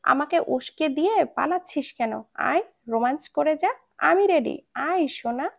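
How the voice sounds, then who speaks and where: Woman voicing a clowning young man, playful teasing, slightly high, gravelly, dry close sound. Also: lively intonation, normal speed.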